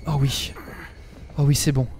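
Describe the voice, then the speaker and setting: A man's voice: medium pitch, level tone, measured pace, darkish tone, soft background music. A young man streaming a game live, chatting to his viewers and bursting into dramatic yelps when scared. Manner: talks to viewers and game characters. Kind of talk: live gameplay commentary.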